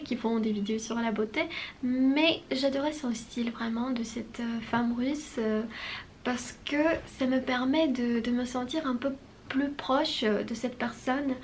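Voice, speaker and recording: High-voiced woman with a non-native accent. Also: slight background noise. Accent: non-native French accent. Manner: hesitant, with many pauses and fillers; deliberately unhurried delivery. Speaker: channel host. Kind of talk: casual talk to viewers.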